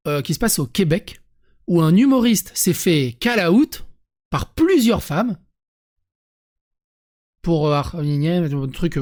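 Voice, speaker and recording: French-accented streamer, reading aloud, sarcastic asides, lively, restarts, mid pitch. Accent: French (France). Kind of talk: reading an article aloud with commentary.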